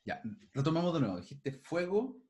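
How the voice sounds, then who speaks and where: A man's voice: fairly high pitch, sing-song, moderate pace, warm tone, a little hiss or hum. Man lecturing over a video call. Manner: thinks aloud with many restarts, quizzes students. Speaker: teacher. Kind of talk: online class lecture.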